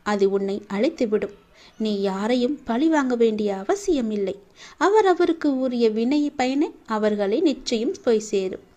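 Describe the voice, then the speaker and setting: A woman voicing a male god who gently counsels a devotee in a scripted devotional monologue, tender and reassuring. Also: on the high side, expressive. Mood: consoling. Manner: tender, reassuring, slow and preaching.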